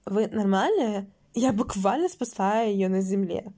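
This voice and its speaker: A woman's voice: medium pitch, lively intonation, unhurried, warm tone. A woman voicing an indignant young fairy girl who makes sarcastic remarks.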